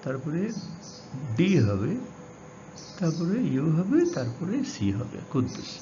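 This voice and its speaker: Slow man teaching grammar. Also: fairly high pitch, very animated, mellow, faint music behind. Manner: slow, drawn-out English example words; addresses students directly, asking questions. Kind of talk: classroom grammar lesson. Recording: dull lo-fi sound with faint hiss.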